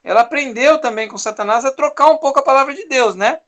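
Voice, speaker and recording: Teaching verse by verse, this Brazilian-accented preacher keeps things conversational, ending lots of sentences with "né?" and acting out brief quoted lines. He speaks fast, with an extremely high, fairly bright voice.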